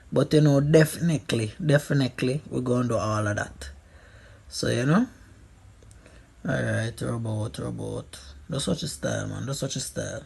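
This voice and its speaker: A Jamaican man gives a casual, humorous commentary in a husky voice with plenty of creak. He speaks in Patois slang and repeats short phrases to drive them home. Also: mid-range voice, a little mellow. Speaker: friend doing a makeup voice-over.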